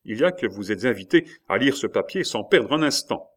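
Man playing a hurried, insistent messenger. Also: medium pitch, very animated. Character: hurried male messenger servant.

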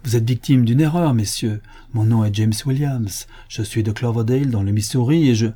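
A man's voice: medium pitch, moderate pace, warm tone, lightly acted. A man voicing a brawling, boastful bandit who roars his defiance at the police. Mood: stiff protest. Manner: roaring, defiant.

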